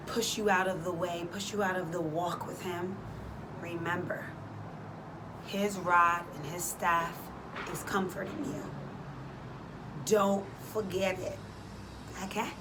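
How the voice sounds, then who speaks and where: A woman's voice: on the low side, steady tone, measured pace, long pauses. A woman hosting a faith and fitness vlog, speaking informally and encouragingly straight to her listeners in a devotional style. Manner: informal and exhortative, direct address to listeners. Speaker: host of a faith and fitness challenge. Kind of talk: casual devotional vlog, prayer. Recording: clearly noisy background ambience.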